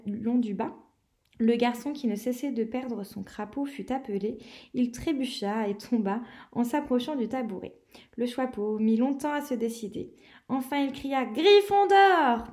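A woman with a fairly high voice reads a novel aloud in an unpolished, homemade way. She stumbles now and then, corrects herself and goes on, and raises her voice whenever a name is called out. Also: mellow. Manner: reads with small slips and self-corrections, lifts her voice for called-out names. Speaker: reader.

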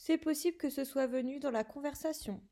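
A woman's voice: high-pitched, fairly quick, dark tone. A woman voicing a big, kindly male gamekeeper who rambles in candid talk. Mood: chatty.

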